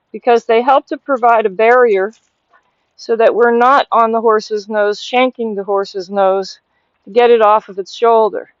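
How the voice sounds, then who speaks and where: A woman with a voice on the high side teaches horse training hands-on, talking through each step and pausing to give the horse brief commands and praise. She starts in a barn aisle and moves to an outdoor riding ring. There's no echo, though the highs are cut off.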